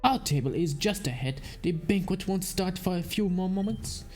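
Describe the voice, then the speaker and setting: A man's voice: sits high, animated, fairly quick, warm tone, faint music behind, voice pushed up. A man voicing a genial, formal male ship captain in a put-on accent while reading game dialogue aloud. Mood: teasing. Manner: formal, teasing, welcoming.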